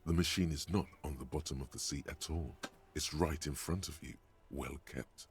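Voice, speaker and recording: A deep gravelly game narrator. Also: male voice, soft background music, exaggerated voice. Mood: wry. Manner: measured, dry and poetic. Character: brooding male inner-voice narrator, wry and poetic.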